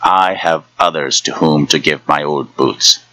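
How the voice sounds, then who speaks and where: Guy reading a proud bossy chief's niece, super deep and slow. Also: pushed and bright, no echo, heavily acted, rough recording. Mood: scornful. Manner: scornful, commanding.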